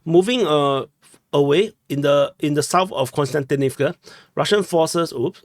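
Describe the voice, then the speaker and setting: Recorded dry in a small room at home, this young man from Singapore analyzes war maps in a relaxed, talkative way, his Singaporean English accent clear. His voice is a little high and measured in pace, and he keeps revising what he says and ending points with "no?".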